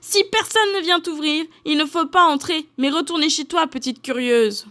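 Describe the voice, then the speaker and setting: A woman voicing a cross mother bear in a children's story, sharp and indignant. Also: high-pitched, normal speed, pitched above the performer's own voice. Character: irritated mother bear, scolding.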